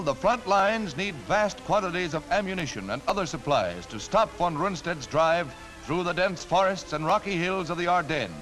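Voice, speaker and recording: A man's voice: sits high, a bit bright, rough recording. A man narrating an old wartime newsreel in a dramatic, urgent announcer style. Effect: old newsreel sound. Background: music.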